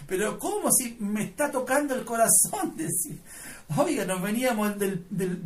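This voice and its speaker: A man's voice: high-pitched, far from the mic. A man preaching a live sermon in Chilean Spanish, fervent and folksy, calling his listeners brother as he tells a personal testimony. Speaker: pastor. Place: church service.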